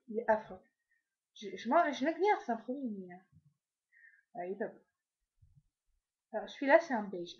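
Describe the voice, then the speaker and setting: A woman's voice: fairly high pitch, highs cut off. A woman chatting casually through a makeup haul at home, with many fillers and trailing asides. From France. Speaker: beauty vlogger. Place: at home, indoors.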